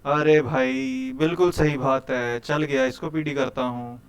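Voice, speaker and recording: A man's voice: mid-range voice, steady tone, a little slow, clear, resonant tone. A young man teaching a live coding class, chatty and teasing, quizzing his students as he goes. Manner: chatty, quizzes students, keeps saying "bhai".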